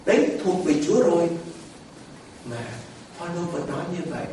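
A man's voice: fairly high pitch, sing-song, moderate pace, mellow, recorded from a distance, a little hiss or hum. A man preaching a sermon to his congregation, quizzing listeners and mimicking people as he talks. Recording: echoey church picked up from afar.

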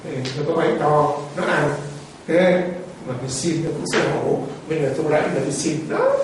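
A man preaching a storytelling sermon, lively and animated, acting out characters and laughing along. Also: fairly high pitch, normal speed, a little hiss or hum. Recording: echoey room from far off with faint ambience.

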